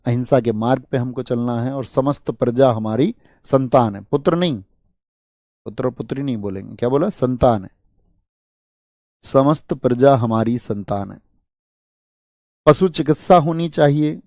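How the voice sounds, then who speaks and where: A man's voice: mid-range voice, warm tone, no room sound, studio quality. Hindi-speaking male teacher drilling exam facts. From India. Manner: quizzing students with quick questions and answers. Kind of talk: exam-prep history lecture.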